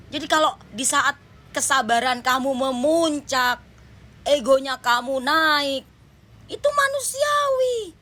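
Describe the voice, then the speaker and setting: A woman's voice: a little high, bright, forceful tone. A woman giving a general tarot reading, talking straight to the viewer in an emphatic, repetitive way. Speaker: tarot reader.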